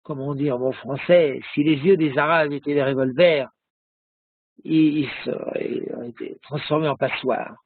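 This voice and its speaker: A man, a rabbi, giving a recorded religious lesson, telling a story slowly with many hesitations. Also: a little high, steady tone, no echo, phone-quality sound. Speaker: rabbi teaching a class.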